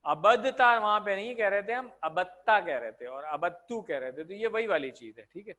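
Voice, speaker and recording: A man's voice: sits high, expressive, sharp tone. A man teaching an online grammar class, patiently repeating conjugations with translations and checking in with his students.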